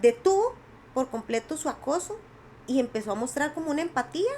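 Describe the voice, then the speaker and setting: A woman's voice: high voice, sing-song, a little fast, mellow, a little hiss or hum. A woman, a podcast guest and doctor, telling a personal story with feeling and acting out the voices of others. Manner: vivid retelling, acts out quoted voices.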